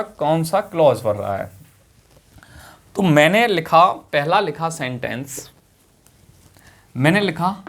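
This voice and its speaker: A man teaching an English grammar lesson to students, asking questions and answering them himself, often repeating key points and stretching words out as he writes. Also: high-pitched. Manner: repeats key points, drawn-out words while writing on the board. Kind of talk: classroom-style grammar lesson.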